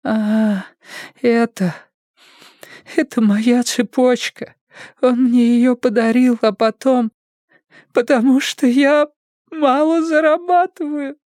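Audiobook role: man reading a sobbing young woman, high falsetto, slow and shaky, dry close sound. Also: a little mellow, dry recording. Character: tearful frightened young woman.

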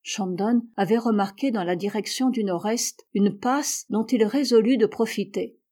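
A woman reading a classic adventure novel aloud, lifting her voice for the sailors' angry lines. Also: normal speed. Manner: voices sailors' quotes louder and higher. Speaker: audiobook reader. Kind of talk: read-aloud novel narration.

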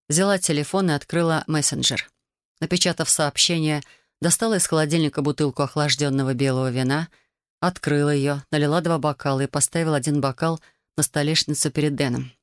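A woman narrating an audiobook in a steady, even storytelling manner. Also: low voice, no room sound, clean studio sound. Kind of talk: scripted narration.

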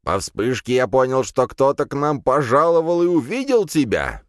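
A man voicing a calm, commanding male god who speaks measured and courteous. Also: mid-range voice, no echo, clean studio sound, pitched above the performer's own voice, natural voice.

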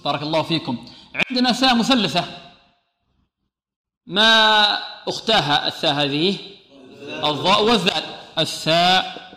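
A man with a bright, forceful voice leads a recitation lesson, posing questions and answering them himself. He stretches words out slowly when he shows how they are pronounced. The sound rings through a roomy hall with a long reverb tail. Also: sits high, animated. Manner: slow drawn-out demonstration of sounds. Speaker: Quran recitation teacher. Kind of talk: tajweed lesson.

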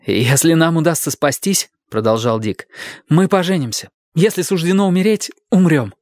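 A man's voice: on the high side, animated, normal speed, darkish tone, no echo, clean studio sound, voice pushed up, close to an everyday voice. A man reading an audiobook, voicing an earnest, brave young man who speaks in a heartfelt way. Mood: earnest, loving.

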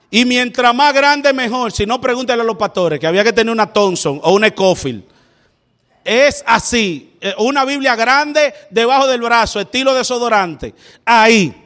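Preacher guy, really high bright voice, asks the crowd questions then gets loud and fiery. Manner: rhetorical questions, building to shouted fervent passages. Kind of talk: sermon.

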